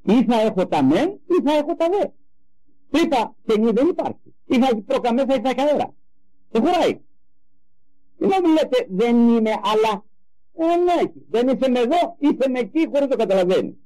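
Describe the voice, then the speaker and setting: Older man, high, lively preaching voice. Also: low-quality recording. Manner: animated, emphatic storytelling. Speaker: religious speaker. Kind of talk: sermon with personal anecdotes.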